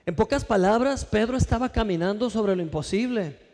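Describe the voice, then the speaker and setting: Speaking fairly quickly in a large hall, a pastor with a high voice delivers a church sermon. He fires off lively rhetorical questions and urges the congregation to respond.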